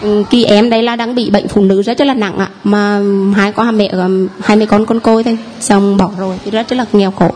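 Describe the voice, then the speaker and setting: A woman's voice: mid-range voice, fairly even intonation, a little fast, few pauses, darkish tone, a little hiss or hum. A woman telling the priest and congregation about healings, speaking hesitantly with many fillers. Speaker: congregant giving testimony. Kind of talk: spoken testimony.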